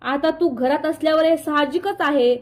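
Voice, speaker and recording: A woman's voice: high-pitched, normal speed, close to an everyday voice. A woman voicing a stern, protective middle-aged mother who speaks firmly and bluntly.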